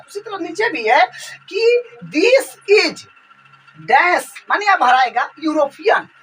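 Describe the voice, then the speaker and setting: Lady teacher going over grammar rules, high voice, takes her time, says things twice. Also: fairly bright tone, far from the mic, slight background noise, poor audio. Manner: slow, repetitive explaining. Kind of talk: grammar lesson explanation.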